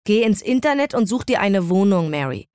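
A woman's voice: medium pitch, big pitch swings, a little fast, a little mellow, clear, resonant tone, no room sound, clean studio sound, close to an everyday voice. A woman voicing a sensible young woman who talks in a matter-of-fact, patient way in an audiobook. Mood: exasperated.

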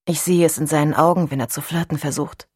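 A woman's voice: low-pitched, fairly even intonation, quick pace, slightly rough, dry recording, clean studio sound. A woman voicing a guarded, proud young woman in an audiobook, speaking firmly and earnestly. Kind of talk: audiobook dialogue.

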